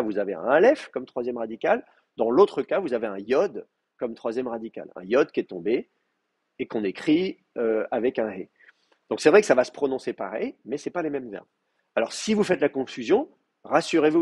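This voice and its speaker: A Hebrew teacher with a medium-pitched, darkish, husky voice gives a university lecture, explaining patiently amid many fillers and restarts.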